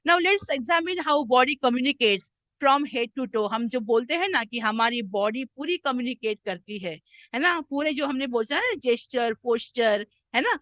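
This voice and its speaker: An Indian woman soft skills trainer giving a classroom lecture, mixing Hindi and English and often checking in with "है ना?". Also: sits high, animated, measured pace, no echo, lo-fi sound. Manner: addresses listeners as "my children".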